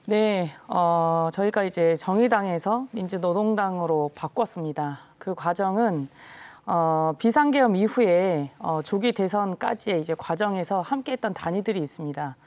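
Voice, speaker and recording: A woman with a Jeju accent, a party election co-chair, answering interview questions in a measured, formal way with many hesitant fillers. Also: fairly low pitch, a little mellow. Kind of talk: current-affairs interview answers.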